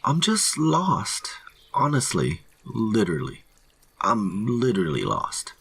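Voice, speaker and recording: A man's voice: on the low side, wildly swooping pitch, slow, creaky, a bit bright, husky, voice pushed up, heavily acted. A man voicing a frightened lost male hiker in glasses, who stammers and pleads nervously.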